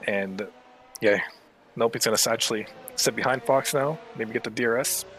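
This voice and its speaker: A man acts as motorsport co-commentator, calling the race live in a conversational way. His pitch is average and his delivery slightly hesitant. Faint noise sits in the background. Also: moderate pace, a bit bright. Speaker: motorsport co-commentator in an online sim racing broadcast.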